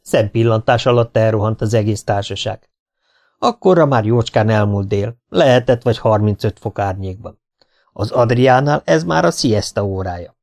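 A man reading a first-person humorous memoir as an audiobook, lively and expressive. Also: on the low side. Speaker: audiobook reader. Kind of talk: scripted first-person narration.

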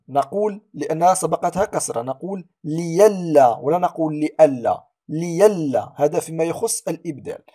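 Guy explaining quran reading rules, warm mellow voice, a bit higher pitched, draws out the example words. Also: slightly rough. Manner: demonstrates each sound slowly, then contrasts the wrong reading. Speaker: Quran recitation teacher. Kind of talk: explaining tajweed rules to students.

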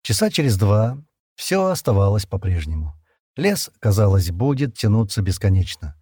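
A man narrating an audiobook chapter in a measured storytelling manner. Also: lowish voice, big pitch swings, darkish tone, breathy edge, dry recording, clean studio sound. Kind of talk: scripted narration.

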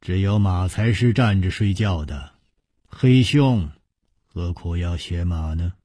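Male storyteller doing a carefree witty swordsman, low, relaxed, unhurried delivery. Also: husky, no echo, clean studio sound, full character voice. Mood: amused, easygoing. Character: carefree, witty young male hero, laughing.

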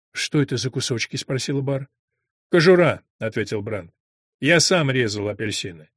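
A man's voice: no echo, studio quality. A man narrating a story in the first person, lifting his voice a little for the characters' lines. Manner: reads character lines with small shifts in pitch and loudness. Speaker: audiobook narrator. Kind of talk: scripted narration.

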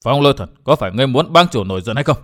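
A man voicing a shrewd, deferential middle-aged male strategist in an audiobook, speaking politely and in a measured way. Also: medium pitch, lively intonation, fairly bright tone, natural voice. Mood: respectful.

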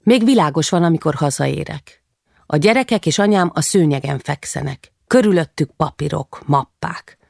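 Low gravelly woman reading a novel. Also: expressive, no echo, studio quality. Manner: quiet, measured reading, lifts pitch for the children's lines. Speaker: audiobook narrator. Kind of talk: first-person novel reading.

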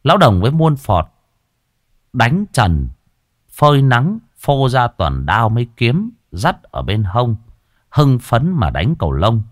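A man narrating a story in a lively, expressive way. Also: medium pitch, slow, no room sound, studio quality.

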